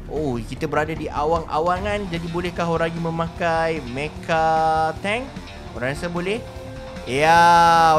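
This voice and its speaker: Full of exclamations and stretched-out words, this Malaysian-accented man narrates gameplay with lively energy and some roleplay. He is a gaming YouTuber, and his voice sits a little high.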